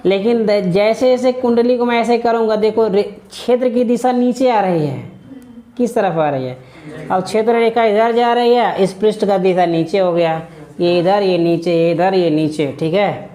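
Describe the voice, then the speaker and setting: A man's voice: high voice, moderate pace, mellow, roomy sound. A man teaches a physics lesson to a class in a patient, drilling way. He throws out a question, answers it himself, and keeps repeating the key terms so they stick.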